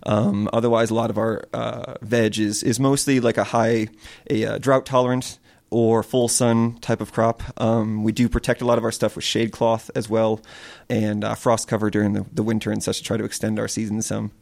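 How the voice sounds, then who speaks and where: Man, farm owner, from Connecticut, low voice, flat delivery, earnest. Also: normal speed, gravelly. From Connecticut, USA. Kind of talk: interview answers.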